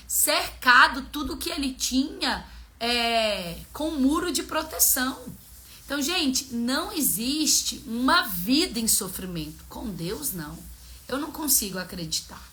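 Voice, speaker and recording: Earnest bright-voiced woman, devotional talk. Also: fairly high pitch. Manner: earnest, personal storytelling. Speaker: Bible reading host.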